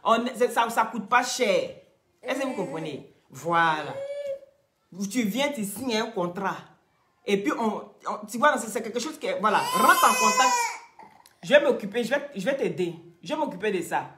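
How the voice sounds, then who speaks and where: A woman's voice: medium pitch, very animated, moderate pace, fairly bright tone, reverberant, a little hiss or hum. A woman from Cameroon with a Cameroonian French accent, talking on a live stream in a mocking, scolding way and repeating her points. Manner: mocking, scolding, repeats herself, breaks into laughs. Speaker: social media live streamer.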